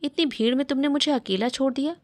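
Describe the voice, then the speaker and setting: A woman's voice: sits high, quick pace, no echo, pitched above the performer's own voice, close to an everyday voice. A woman voicing an emotional young woman heroine in a read-aloud love story, pleading and reproachful.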